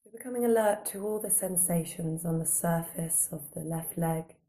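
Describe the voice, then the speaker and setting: A meditation guide with a deeply mellow, slightly low voice leads a body scan. She speaks calmly, gently and without hurry, spacing her soothing instructions with long pauses.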